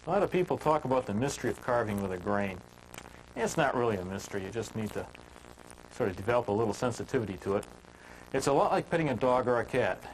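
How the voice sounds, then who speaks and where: A man teaching woodcarving in a relaxed, homespun storytelling manner, chatting with filler words as he works. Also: mid-range voice, quick pace, slight background noise, rough recording. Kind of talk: folksy storytelling while demonstrating carving.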